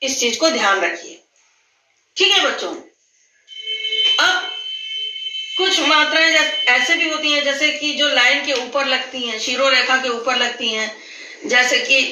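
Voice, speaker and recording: A woman teacher giving a kindergarten Hindi lesson, patient and repeating words slowly for children. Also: sits high, sharp tone, echoey room, recorded from a distance, low-quality recording.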